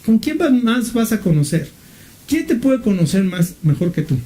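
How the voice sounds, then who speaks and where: A middle-aged man from Mexico preaching a sermon as pastor, often asking his listeners questions and filling pauses with "este". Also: high-pitched, very animated, mellow. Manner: asks the listeners questions, uses fillers like "este".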